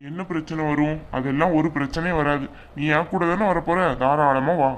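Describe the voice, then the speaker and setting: Cartoon role: bossy, caring elderly father-in-law, deep-voiced, voiced by a woman. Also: steady tone, a little fast, slight background noise, lightly acted. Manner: scolding, protective. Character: older father-in-law, stern but caring. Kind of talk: cartoon voice acting.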